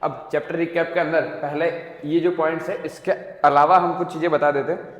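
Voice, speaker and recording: A man's voice: fairly high pitch, little pitch movement, brisk. A young man teaching math in a casual lecture, often asking a question and answering it himself. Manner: repeats questions and answers them himself, keeps checking in with "theek hai". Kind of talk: casual Hindi-English lecture to students. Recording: echoey room with long reverb.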